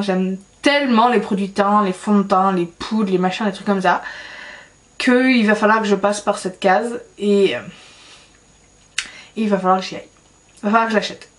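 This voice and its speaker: A young woman talking casually as a beauty vlogger, chatty and self-mocking, with many fillers. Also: medium pitch. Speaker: beauty YouTuber. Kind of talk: casual vlog chat.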